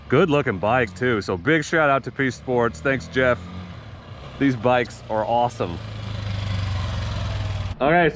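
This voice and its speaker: A man's voice: mid-range voice, slight background noise. A man hosting a motorcycle vlog, chatting casually to camera in a playful, self-deprecating way.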